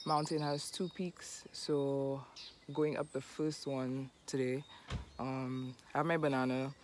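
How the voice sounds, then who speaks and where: A man from Saint Lucia chatting upbeat and casually as he vlogs a morning hike outdoors. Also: mid-range voice. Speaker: vlogger. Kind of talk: casual outdoor hiking vlog. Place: outdoors on a mountain trail. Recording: noisy outdoor camera audio.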